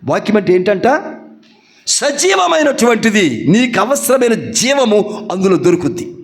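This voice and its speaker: Lively, high-voiced Telugu pastor preaching. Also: male voice, normal speed. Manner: asks the congregation questions and answers them, with homely examples. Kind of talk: sermon.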